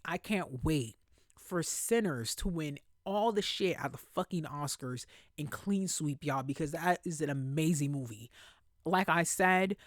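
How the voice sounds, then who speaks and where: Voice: medium pitch, a bit bright, no echo, clean studio sound. A podcast host ranting in casual talk, emphatic and profane, repeating points for stress. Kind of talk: casual opinion rant.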